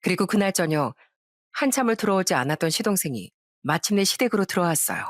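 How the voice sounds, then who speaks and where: A woman narrating a family story in a calm, storytelling manner. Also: on the low side, fast talker, dry recording, clean studio sound.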